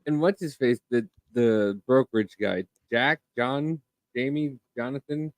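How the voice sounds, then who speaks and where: A man co-hosting a podcast in casual chat, telling stories in a lively, excitable way. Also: medium pitch, measured pace, dry recording. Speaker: podcast co-host.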